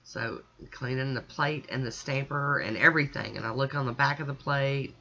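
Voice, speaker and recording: A woman's voice: very deep voice, moderate pace, creaky, pushed and bright, highs cut off, slight background noise. A woman chatting casually as she talks the viewer through her nail art, step by step. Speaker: nail art channel host.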